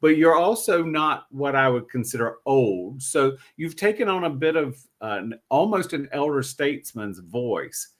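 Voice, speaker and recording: A man's voice: medium pitch, animated, unhurried, hardly any pauses. A middle-aged or older man interviewing casually, reflective, feeling his way through his phrasing.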